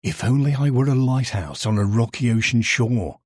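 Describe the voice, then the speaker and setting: Guy reading a grumpy old lantern from a storybook, low husky mutter, dreamy. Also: expressive, a little slow, darkish tone, no echo, clean studio sound, exaggerated voice. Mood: dreaming. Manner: complaining, muttering, daydreaming. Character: old, lonely, grumbling male street lantern.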